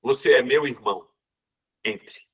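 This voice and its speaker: A man voicing a kind old bishop who welcomes a stranger warmly and firmly. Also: mid-range voice, measured pace, husky, distant mic. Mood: welcoming. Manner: warm, hospitable, firm.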